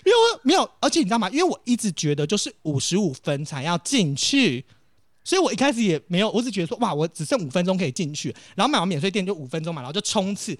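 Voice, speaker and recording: A man with a Taiwanese Mandarin accent tells a story dramatically, and his pitch leaps high and low with every turn. He talks quickly on a dry, close recording with no room sound. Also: very animated, dry recording. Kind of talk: casual chat, storytelling.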